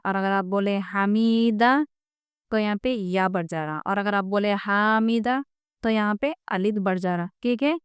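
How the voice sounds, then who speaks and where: A woman teaching Quran reading in a slow spoken lesson, patiently drawing out words to show their pronunciation and checking often that the viewer follows. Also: medium pitch, smooth, dry recording, clean studio sound. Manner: asks "theek hai?" often.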